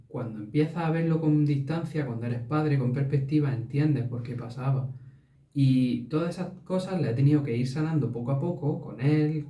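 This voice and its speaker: Thoughtful man, very dark voice. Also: on the high side, recorded from a distance. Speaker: podcast co-host, father. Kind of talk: casual reflective chat. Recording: roomy echo, off-mic.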